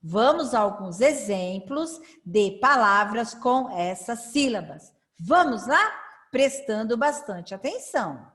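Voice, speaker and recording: A woman's voice: fairly high pitch, lively intonation, fairly bright tone. A woman teaching a children's literacy lesson, drawing out syllables and asking the children to read along. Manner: slow, drawn-out syllables for children to repeat; sing-song, encouraging classroom prompts.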